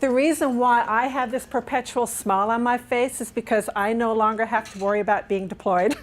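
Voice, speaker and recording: A little fast and fairly high-pitched, with fairly even intonation, a middle-aged woman from England gives a conference talk on nurse education. She speaks without a trace of an accent, in a dining room with large windows, sounding upbeat and chatty and often seeking the audience's agreement.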